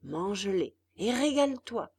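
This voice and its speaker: Woman reading as a patient old father, gentle and lecturing, slow storybook pace. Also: mid-range voice, lively intonation, gravelly, slightly rough, full character voice.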